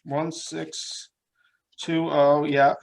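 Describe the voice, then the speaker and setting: A man serving as town supervisor, chairing a board meeting over a video call in a plain, halting way with many fillers. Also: fairly high pitch, level tone, vocal fry.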